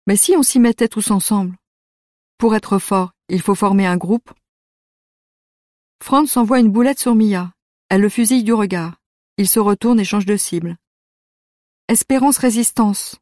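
A woman narrating a youth novel in the first person, in a steady, measured reading voice. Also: medium pitch, dry recording, studio quality. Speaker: audiobook narrator.

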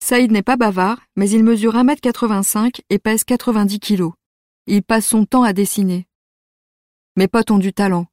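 A woman narrating a youth novel in the first person, in a steady, measured reading voice. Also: mid-range voice, no echo, clean studio sound. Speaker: audiobook narrator.

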